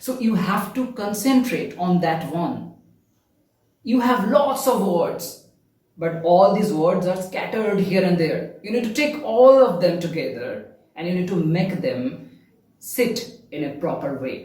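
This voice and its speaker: A man's voice: sits high, expressive, a little mellow, far from the mic. Male English teacher with a Bengali accent and a raised voice, set back from the mic in a very echoey room. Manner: slow, stressed English phrases mixed with quick Bengali explanations. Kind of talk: spoken English lesson on video.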